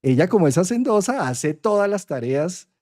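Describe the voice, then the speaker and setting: A middle-aged man leads a master class by telling a fairy tale. His voice sits a little high for a man but sounds warm and mellow, and he keeps checking that his listeners follow. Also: normal speed. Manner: animated storyteller with tag questions. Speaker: astrology and psychology teacher. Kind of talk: master class storytelling lecture.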